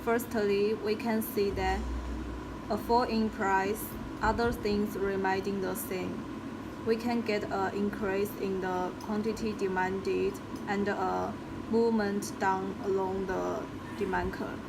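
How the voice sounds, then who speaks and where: A young woman student presents her part of a class project, reading in a flat, slow, measured way. Loud air conditioning hum and noise fill the phone recording. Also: mid-range voice. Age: young adult.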